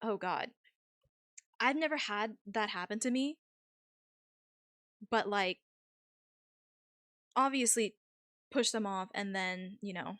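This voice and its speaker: A woman's voice: medium pitch, slow, pauses often, a bit bright, no echo, studio quality. A woman livestream host talking casually and informally with her viewers.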